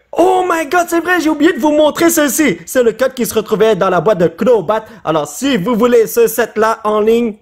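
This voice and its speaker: A man with a high, bouncy voice chats through a late-night card opening. He is short on sleep, yet excitable, and he shouts and laughs at good pulls. English words slip into his casual talk. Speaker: YouTuber opening Pokémon cards. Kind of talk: casual vlog chat.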